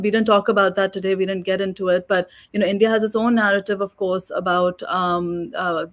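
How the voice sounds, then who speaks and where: A woman author and oral historian answering interview questions in a measured, reflective way, slightly hoarse and pausing with fillers. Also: medium pitch. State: losing her voice.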